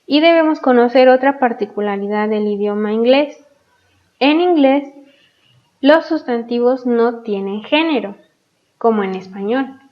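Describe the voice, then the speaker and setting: Slow, patient woman teaching grammar. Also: fairly high pitch. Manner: patient, models English words slowly and clearly. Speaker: English teacher. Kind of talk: explaining English grammar in Spanish. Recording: dull lo-fi sound.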